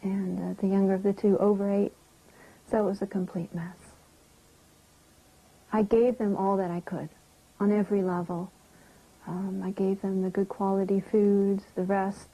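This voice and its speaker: A middle-aged woman interviewed as a mother, speaking slowly and haltingly, with a breathy voice that often drops to a whisper. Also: mid-range voice, warm tone. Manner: slow, halting, emotional. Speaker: mother interviewed about her children. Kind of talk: documentary interview. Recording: dull lo-fi recording.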